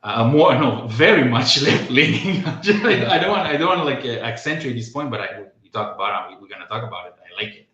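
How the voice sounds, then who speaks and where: A man's voice: medium pitch, animated, pushed and bright. Romanian man in a roomy echo. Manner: halting, repeats words, many restarts. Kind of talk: casual podcast discussion.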